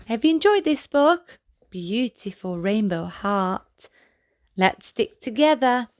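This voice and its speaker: Reading a story aloud for kids, this channel host uses an animated, fairly high voice, going very slowly and deliberately with a soft manner suited to small listeners. Her audio is dry, almost free of room echo.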